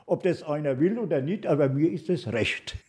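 This is an elderly man. His voice is husky and mellow, pitched a little high for a man, and he rambles along casually, repeating little filler words as he answers. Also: expressive, normal speed. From Lower Franconia. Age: 80s. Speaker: interviewee.

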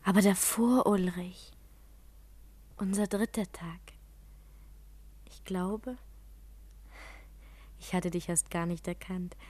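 Radio play: actress as a tender, half-whispering memory voice. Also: female voice, mid-range voice, a little slow, natural voice. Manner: soft, half-whispered, intimate. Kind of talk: German radio play acting.

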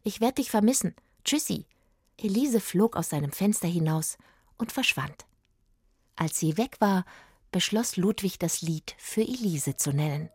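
A woman reading a children's story aloud, expressive and sometimes hushed. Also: on the low side, measured pace, husky, no echo, clean studio sound.

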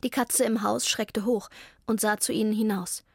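A woman calmly narrating a children's story. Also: medium pitch, normal speed, dry recording, clean studio sound. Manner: calm and clearly paced.

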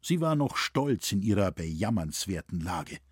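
A man narrating a novel as an audiobook in a measured, solemn way. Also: deep voice, big pitch swings, slightly rough, no room sound. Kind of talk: scripted narration.

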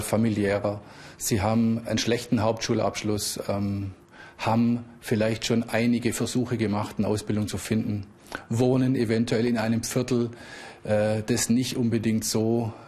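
A man's voice: fairly low pitch, a little mellow. A man working as a youth program coordinator, talking encouragingly with some hesitations. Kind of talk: interview and workshop talk.

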